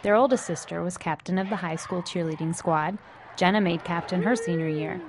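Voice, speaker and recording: Woman news reporter, scripted narration, measured storytelling, slight vocal fry. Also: fairly low pitch, a little hiss or hum.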